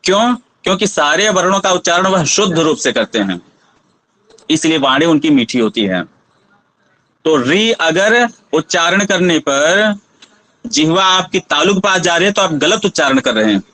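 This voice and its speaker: A man's voice: a little high, big pitch swings, moderate pace, bright, forceful tone, low-quality recording. A man teaching a Sanskrit pronunciation lesson, patiently asking students to try each sound aloud.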